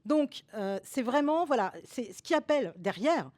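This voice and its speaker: A woman's voice: a little high, lively intonation, normal speed, darkish tone. A woman consultant explaining a topic over slides in a webinar, hesitant and full of fillers, with restarts and tags at the ends of her sentences.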